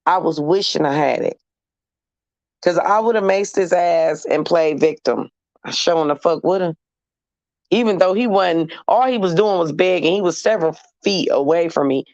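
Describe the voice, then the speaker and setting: A woman in casual live-stream storytelling, talking to her chat in a profane, animated, mocking way. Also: fairly low pitch, normal speed, no echo, dull audio.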